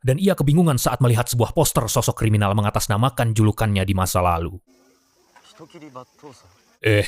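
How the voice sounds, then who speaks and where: A man's voice: medium pitch, no room sound. A man narrating a film plot as a scripted story, in a dramatic but informal storyteller's manner.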